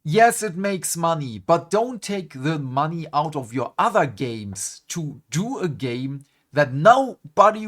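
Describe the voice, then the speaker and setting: A man hosting a gaming channel, ranting animatedly to camera in a groggy morning voice and swearing for emphasis. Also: a little high. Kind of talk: casual gaming commentary to camera.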